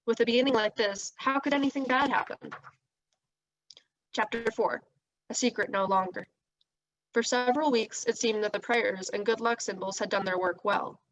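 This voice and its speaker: A woman's voice: mid-range voice, fairly even intonation, normal speed, muffled recording. Woman reading a children's novel aloud. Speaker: reader.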